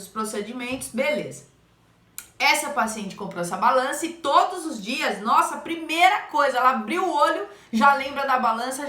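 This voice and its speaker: Brazilian woman nutritionist talking to camera, bright high voice, echoey room. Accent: Brazilian Portuguese. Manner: animated storytelling, acting out a patient's complaints. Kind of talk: casual advice monologue.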